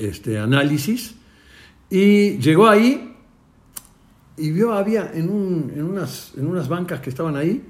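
Man telling a story. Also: fairly high pitch. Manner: lively retelling with quoted dialogue and many restarts. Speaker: rabbi. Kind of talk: storytelling talk.

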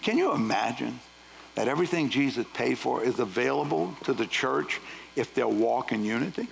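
A man's voice: medium pitch, animated, normal speed, creaky, a little hiss or hum, rough recording. A man preaching a sermon, firing rhetorical questions and casual asides at his congregation. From Louisiana. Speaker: pastor.

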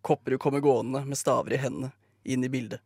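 A man narrating a live comedic radio play, reading brisk, dry stage directions. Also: mid-range voice, little pitch movement, a little mellow, no room sound.

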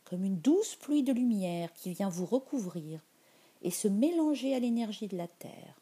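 A woman leading a guided meditation in a soft, soothing voice that drifts into whispers. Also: mid-range voice, expressive, unhurried, slightly rough.

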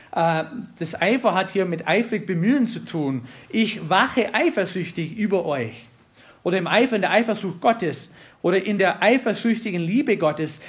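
High-voiced man preaching casually. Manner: conversational, jokes with the congregation. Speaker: pastor. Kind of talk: sermon.

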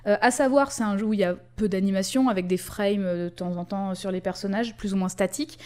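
A woman's voice: mid-range voice, fast, darkish tone. A woman hosting a podcast in casual chat, explaining at length with many fillers and asides. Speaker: podcast host.

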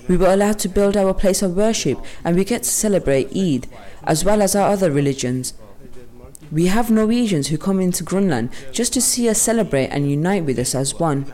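A man's voice: sits high, expressive, a little fast, warm tone. A man delivers scripted narration in the first person, as in a documentary.

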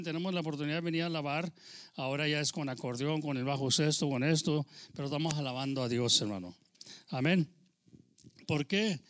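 A man's voice: fairly high pitch, a bit bright. A man from Texas with a Texan Spanish accent preaching a sermon in church, fervent and rising in volume when quoting scripture, with frequent amens. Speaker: pastor.

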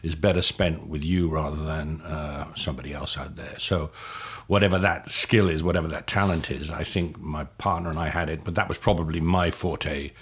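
An older man from Wales answering interview questions in a halting way, with many restarts and fillers. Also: very deep voice, fairly even intonation, a bit bright, husky. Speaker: guest.

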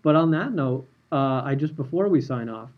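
A man hosting a podcast, telling a story in a relaxed, animated way. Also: mid-range voice, normal speed, narrow, tinny audio, crowd noise. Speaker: podcast host and former sports reporter.

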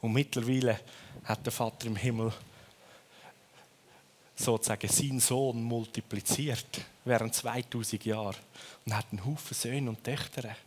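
A man from Switzerland with a Swiss accent, preaching a sermon in a lively storytelling way and often ending his phrases with a questioning tag. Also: medium pitch, normal speed, pauses often, a little hiss or hum.

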